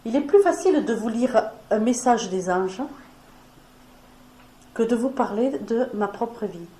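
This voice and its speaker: A woman's voice: a little high, lively intonation, measured pace, mellow. A woman with an accent in French, leading an earnest spiritual talk before a small audience and speaking in a conversational way with fillers. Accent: foreign accent in French. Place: meeting room before an audience. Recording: echoey room with faint noise.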